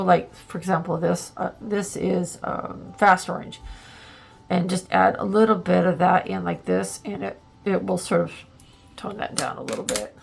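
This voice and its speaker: Slightly stuffy and plugged up, this woman hosts an easygoing art tutorial on her channel, musing out loud while she works. Her mid-range voice carries some vocal fry, and her talk is peppered with likes and ums.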